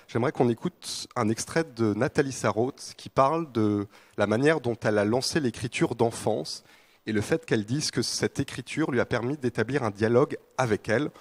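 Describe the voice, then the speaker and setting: A man's voice: medium pitch, darkish tone. A man moderating a panel discussion, speaking hesitantly with many fillers.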